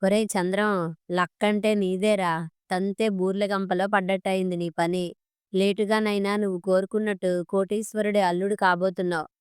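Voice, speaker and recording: A woman's voice: mid-range voice, level tone, normal speed, clear, resonant tone, dry recording, studio quality, close to an everyday voice. A woman voicing a young adult man teasing his friend in a storybook reading, in a chummy way.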